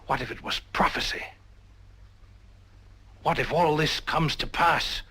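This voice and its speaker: A man's voice: fairly high pitch, measured pace, pushed and bright, full character voice. A man playing a brooding villain who dreams of power, grandiose in 1940s film acting. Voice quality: husky, grandiose.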